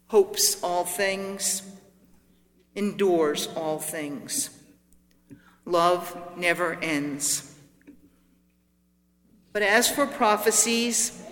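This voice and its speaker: A man reading scripture aloud at Mass in a deliberate, solemn way, his voice carrying a long church reverb. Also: high voice, fairly bright tone. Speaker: lector. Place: large church. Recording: long echo of a large church.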